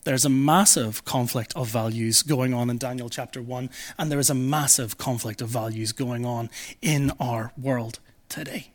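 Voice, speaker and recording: A man preaching a sermon, emphatic and repeating his key phrases, shifting between hushed and forceful delivery. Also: mid-range voice, normal speed.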